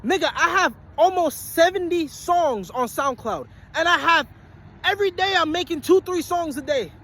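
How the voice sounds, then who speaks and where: A man's voice: very high-pitched, expressive, moderate pace, bright, forceful tone. A man in his twenties giving a blunt, profane motivational rant to his viewers, repeating his points over and over after a long work shift. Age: 20s. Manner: blunt, profane and repetitive, hammering points home. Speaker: vlogger and aspiring musician.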